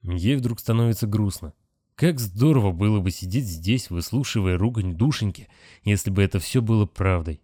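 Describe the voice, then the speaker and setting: A male audiobook narrator with a low voice, reading in a steady, measured way. The recording is dry and close, with no room sound. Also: no room sound. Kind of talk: scripted narration.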